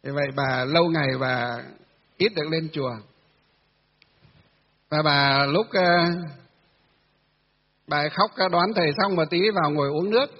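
A man's voice: on the high side, measured pace, long pauses, husky. A man, a Buddhist monk, giving a chatty dharma talk to a temple audience, asking questions and answering them himself with many filler sounds. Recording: dull distant reverberant hall recording.

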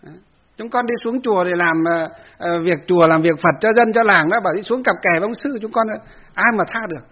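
A man's voice: sits high, brisk, highs cut off. A man voicing an aggrieved elderly female temple devotee who complains in a raised voice. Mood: indignant.

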